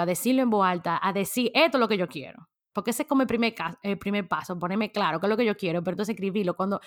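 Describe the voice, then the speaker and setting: A woman giving a chatty motivational talk, addressing her audience directly and laughing often. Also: mid-range voice. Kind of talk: casual motivational talk to camera.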